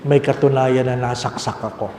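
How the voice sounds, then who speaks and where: A man's voice: mid-range voice, fairly even intonation, normal speed, background noise. An older man, a Filipino priest in his sixties with a Filipino accent, preaching a personal testimony and repeating phrases for emphasis. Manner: switches between Tagalog and English, repeats phrases for emphasis. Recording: echoey hall with long reverb.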